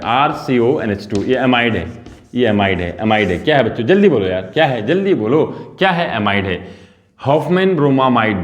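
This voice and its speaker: A male chemistry teacher giving a lively lecture, repeating key terms and coaxing his students to answer. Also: mid-range voice. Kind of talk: classroom lecture.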